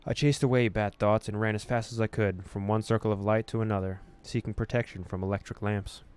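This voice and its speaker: A gaming host narrates a horror visual novel with expressive, casual delivery. His fairly low voice stays smooth while he reads at a brisk clip.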